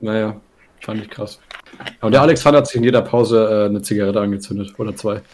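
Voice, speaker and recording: A man's voice: lowish voice, steady tone, fast, a little mellow, slight background noise. A young man on a podcast, telling a rambling story in casual chat, with crude slang, laughing mid-sentence and tagging lines with "ne?". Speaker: podcast co-host.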